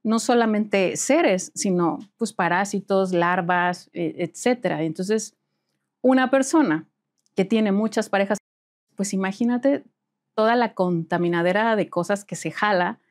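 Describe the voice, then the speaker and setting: A woman, a spiritual healer guest in an interview, telling stories lively and acting out the dialogue. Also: medium pitch, a little slow. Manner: lively, acts out dialogue in quoted voices, laughs often. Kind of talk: storytelling in an interview.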